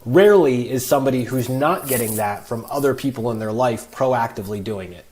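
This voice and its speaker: A man's voice: mid-range voice, brisk, a little mellow. A man talking as a financial advisor guest on a podcast, explaining with emphatic worked examples. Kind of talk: podcast conversation.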